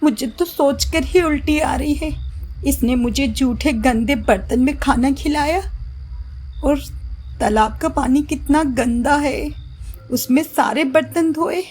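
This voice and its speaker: A woman's voice: high-pitched, slow, darkish tone, voice pushed up. A woman voicing a fussy, watchful mother-in-law in a storybook, suspicious and particular about cleanliness. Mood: disgusted. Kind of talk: storybook voice acting.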